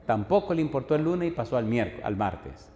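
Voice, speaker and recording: A middle-aged male pastor preaching a sermon, repeating phrases for emphasis and dropping into casual storytelling between loud and soft passages. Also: mid-range voice, sing-song, moderate pace. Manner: storytelling asides in a conversational tone. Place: church hall. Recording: echoey hall, faint room ambience.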